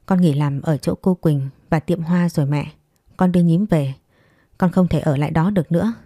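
A woman's voice: low voice, normal speed, dark tone, no room sound, studio quality. Woman reading as a resolute young mother. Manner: firm, earnest.

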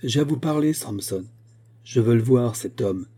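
A man's voice: mid-range voice, expressive, moderate pace, mellow, lightly acted. A man voicing a bitter, commanding middle-aged man who speaks with mocking scorn.

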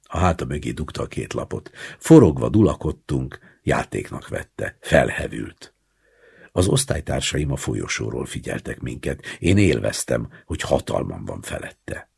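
A man narrating a literary short story in the first person, in a measured audiobook reading. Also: rumbling low, big pitch swings, vocal fry, darkish tone, husky.

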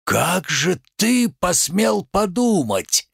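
A man reading a play aloud, voicing a pompous provincial tragic actor who declaims in drawn-out, thundering phrases. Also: high-pitched, sing-song, vocal fry, breathy edge, dry recording, clean studio sound, voice pushed up, full character voice. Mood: grandiloquent.

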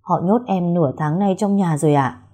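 A woman voicing a desperate young woman held captive by her family, speaking in a hushed, pleading way. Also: on the low side, moderate pace, husky.

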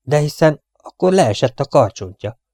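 A man's voice: on the high side, sing-song, mellow, dry recording, clean studio sound, pitched above the performer's own voice. A man voicing a cheeky, mocking young male rogue in a storybook reading. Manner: sarcastic.

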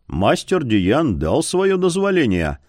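A man's voice: medium pitch, wildly swooping pitch, slow pace, darkish tone, dry recording, clean studio sound, heavily acted. A man playing a stubborn, blunt male mercenary in an audiobook.

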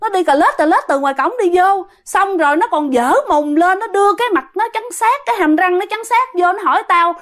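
A woman's voice: very high voice, a little fast, hardly any pauses, fairly bright tone, pitched above the performer's own voice. A woman with a Southern Vietnamese accent voicing an older rural man who exclaims bluntly about what he saw. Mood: frightened. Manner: exclaiming, blunt country talk.

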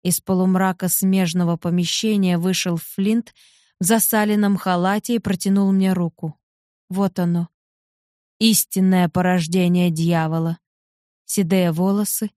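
A woman's voice: fairly low pitch, darkish tone, no echo. Woman narrating an audiobook, dry sound. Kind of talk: first-person scripted narration.

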